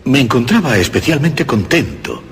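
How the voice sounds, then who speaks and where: A man's voice: mid-range voice, big pitch swings, moderate pace, slight background noise. Man narrating a dramatic audiobook. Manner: rising to frantic shouting, laughing madly.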